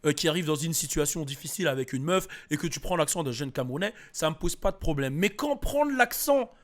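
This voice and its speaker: A man's voice: on the high side, expressive, fairly quick. A man of Antillean background giving a casual spoken commentary, thinking aloud with many fillers and restarts. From French Antilles. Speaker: host. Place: United States.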